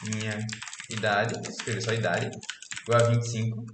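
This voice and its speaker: A man's voice: lowish voice, normal speed, noisy background. A man in his twenties from Alagoas, Brazil, casually explaining code in a screen-recorded programming lesson and checking in often with his students. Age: 20s. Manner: casual, relaxed explaining with frequent "beleza?" check-ins. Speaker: programming instructor. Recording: echoey room with faint keyboard typing.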